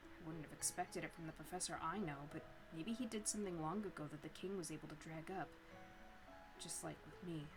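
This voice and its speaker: Woman voicing a soft, halting male bird professor, gentle on top and broken underneath; visual novel read-aloud. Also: deep voice, over music, voice pushed down, lightly acted, low-quality recording. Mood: subdued.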